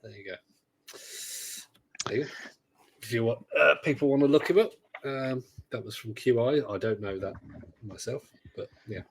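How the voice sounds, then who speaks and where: A man's voice: mid-range voice, moderate pace, pauses often, a little hiss or hum, rough recording. A British man chatting casually as co-host of a gaming podcast. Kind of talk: casual chat.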